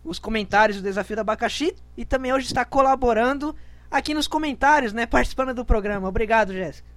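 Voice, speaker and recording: A man's voice: extremely high pitch, fast talker, fairly bright tone, no room sound. A man in his twenties co-hosting a podcast with casual banter, playfully exclaiming as he reads listener comments. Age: 20s.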